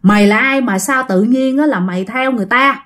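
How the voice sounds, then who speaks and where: A woman's voice: fairly high pitch, fairly quick, a bit bright, lightly acted. A woman voicing a stern male exorcist who scolds and commands a spirit. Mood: scolding.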